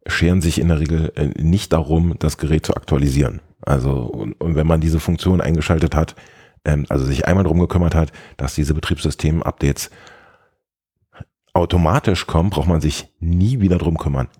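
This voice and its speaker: A man's voice: very deep voice, a little fast, warm tone, breathy edge. A man co-hosting a casual tech podcast, explaining step by step with many hesitations and fillers. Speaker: podcast co-host.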